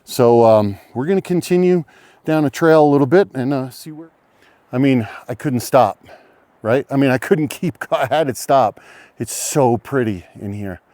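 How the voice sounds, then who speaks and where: Man, slightly out of breath, mid-pitched voice, dry close sound, rambling casual explanations, outdoor hiking vlog. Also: moderate pace, dry recording. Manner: relaxed, rambling explanations with many fillers. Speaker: hiking vlogger. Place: outdoors on a snowy trail by a lake.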